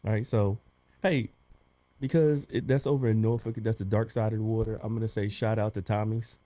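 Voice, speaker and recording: A man's voice: fairly low pitch, fairly even intonation, fairly quick, mellow, no echo. A man, hosting a casual real estate chat, teasing his co-hosts and then explaining earnestly. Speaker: podcast host, real estate agent.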